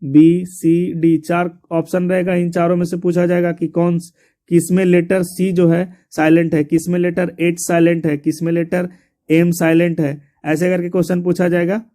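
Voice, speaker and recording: Man, exam coaching teacher, high monotone, mellow tone, spells words out. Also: normal speed. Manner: repeats points, spells out words letter by letter. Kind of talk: explaining a syllabus to students.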